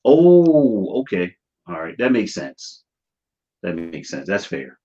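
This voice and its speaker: A man's voice: deep voice, huge pitch swings, takes it slowly, dark tone. An American man chatting casually and informally in slang as the host of a livestream. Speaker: livestream host of a YouTube channel. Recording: dull, lo-fi stream audio.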